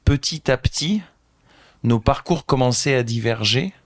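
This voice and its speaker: A man's voice: medium pitch, expressive, measured pace, dry recording, studio quality. A man in his thirties from northern France, a company founder telling his story earnestly and thoughtfully as a podcast guest. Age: 30s. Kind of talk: casual interview chat.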